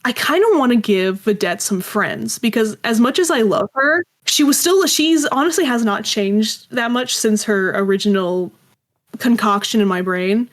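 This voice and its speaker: Her voice a little high with lively intonation, this woman speaks at normal speed as a guest on an interview about her audio drama work. She shares stories in a relaxed, self-mocking way, performing brief bits of quoted dialogue.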